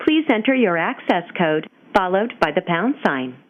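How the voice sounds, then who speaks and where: A woman's voice giving an automated conference-call prompt in an even, scripted, machine-like delivery. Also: on the low side, moderate pace. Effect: automated phone system prompt. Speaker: conference call system announcer. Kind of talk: recorded automated announcement. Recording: tinny phone line.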